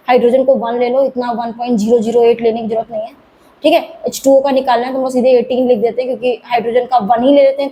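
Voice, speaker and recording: A woman lectures as a teacher, walking through each idea patiently and slipping English phrases into her explanations. Her voice sits high but sounds soft and mellow rather than bright. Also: poor audio. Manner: explanatory, mixes English terms into Hindi. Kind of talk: classroom lecture.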